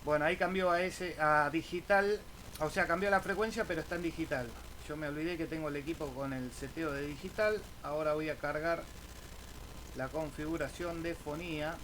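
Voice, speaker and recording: The audio is poor and background noise clear as this man, slightly high and a bit bright with fairly even intonation and moderate pace, gives a casual screen-share tutorial. He's an Argentine amateur radio YouTuber who keeps adding a questioning "eh?".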